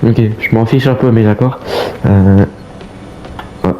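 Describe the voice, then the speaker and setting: A man's voice: fairly low pitch, fairly even intonation, measured pace, muffled recording, a little hiss or hum. A man giving casual, slangy Let's Play commentary in French, playfully reacting aloud as he plays. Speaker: gaming video creator. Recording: roomy echo, game music behind. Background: game music.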